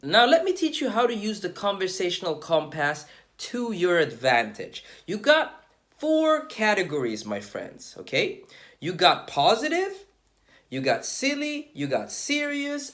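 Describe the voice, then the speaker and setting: Lively young man coaching dating. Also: sits high. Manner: energetic, slangy, emphatic. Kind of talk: casual vlog talk to camera.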